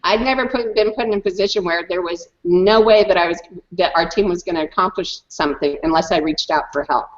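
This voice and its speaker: A woman, a guest in an online hangout, telling a personal story in an emphatic, animated way and often repeating words. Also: lowish voice, brisk, hardly any pauses, muffled recording.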